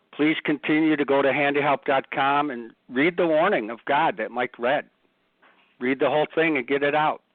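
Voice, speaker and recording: A man's voice: medium pitch, no room sound. Blunt, fervent man on a phone line. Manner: blunt, rising to fervent emphasis. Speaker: ministry co-host. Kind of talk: impassioned radio commentary.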